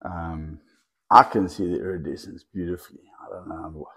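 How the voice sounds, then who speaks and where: A man showing off a lively python outdoors on camera, chatty and laughing, talking to the snake as it wraps around his clip-on mic. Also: low voice, normal speed, creaky, rough recording. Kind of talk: casual hands-on video chat. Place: outdoors in the sun. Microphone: clip-on mic the snake keeps wrapping.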